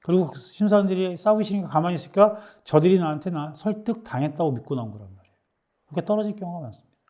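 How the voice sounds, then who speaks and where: A man's voice: sits high, animated, very fast, mellow. A middle-aged man lecturing on business planning in a conversational way, acting out quoted dialogue and often restarting his sentences. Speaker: startup lecturer. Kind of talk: classroom lecture.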